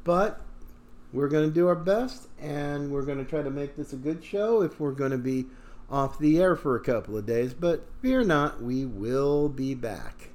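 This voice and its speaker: A man hosting a podcast in a conversational monologue, showy like a ringmaster when announcing and halting between phrases. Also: a little high, animated, a little mellow. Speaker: podcast host.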